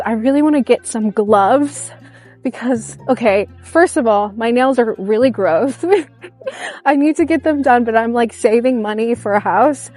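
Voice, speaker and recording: Young woman vlogging on her walk, high voice, chatty and giggly. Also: a little mellow. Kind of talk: casual vlog chat while walking. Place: outdoors on a walk.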